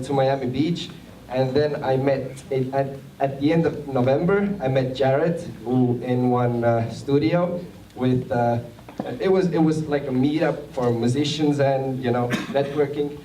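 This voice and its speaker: A man's voice: mid-range voice, measured pace, darkish tone. Hesitant man from Estonia at an awards stage. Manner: hesitant, many fillers and restarts. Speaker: award winner giving a speech. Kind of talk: halting acceptance speech. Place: event hall with a crowd. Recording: roomy hall audio from far off with crowd noise.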